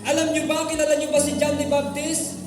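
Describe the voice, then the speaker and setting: High-voiced preacher in an echoing hall. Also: completely flat delivery, fairly quick. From Philippines. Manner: preaching with call-and-response, mixing English phrases. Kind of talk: sermon. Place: large church hall. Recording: echoey hall, far from mic, with music.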